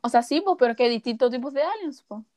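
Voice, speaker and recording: A young Chilean woman with a high, bright-sitting voice, tossing out slang and jokes in an easy chat. The recording is dry and close, with no room sound. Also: lively intonation, fast talker, no room sound. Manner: joking, slangy, laughs often. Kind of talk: casual chat.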